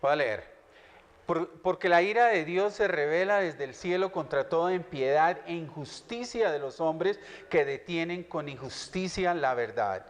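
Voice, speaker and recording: Guy interpreting a lecture, reads verses then repeats stuff, slightly high voice, long hall reverb. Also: animated, a little slow. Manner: reads aloud, then echoes the teacher phrase by phrase. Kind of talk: live interpreting and scripture reading.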